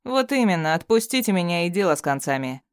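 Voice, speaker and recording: A man doing a high, sneering bound thug. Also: sing-song, fast, clean tone, no room sound, studio quality. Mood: defiant. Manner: taunting, crude, mocking. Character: vicious sneering male thug, bound and bloodied.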